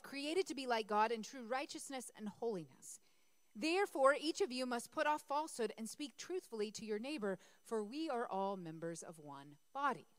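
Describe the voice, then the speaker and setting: A woman pastor with a slightly high voice is losing her voice as she preaches a conversational sermon in church. She keeps asking the congregation to respond to her, and there's no room sound.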